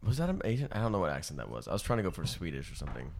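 A man's voice: sits low, sing-song, very fast, a little mellow, a little hiss or hum. A man co-hosting a podcast in casual chat, teasing and cracking crude jokes. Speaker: podcast co-host.

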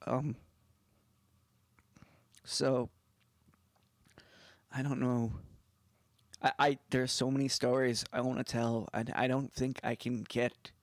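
Halting man on a dry, close mic. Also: medium pitch, flat delivery, no room sound. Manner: halting, repeats words as he goes. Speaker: podcast host. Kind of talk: casual, unscripted podcast talk.

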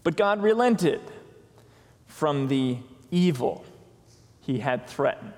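A man delivers a sermon from the pulpit, taking his time and leaning on each key word. His voice sits a little high for a man. Long reverb from the church hall trails after his words. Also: animated, darkish tone. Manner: slow, deliberate preaching with emphatic pauses. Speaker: pastor. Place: church sanctuary.

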